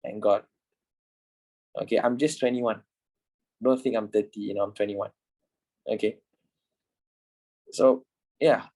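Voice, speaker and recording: A man's voice: on the low side, steady tone, a little slow, long pauses, warm tone, poor audio. A man in his twenties, a trading instructor talking informally in an online class, repeating himself and swearing casually. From Malaysia. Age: 20s.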